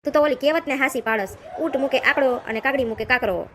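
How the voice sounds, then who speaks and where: A woman's voice: high-pitched, fast talker, a bit bright, some chatter behind, a little hiss or hum. A woman playing a scolding, lecturing village husband in a comedy skit.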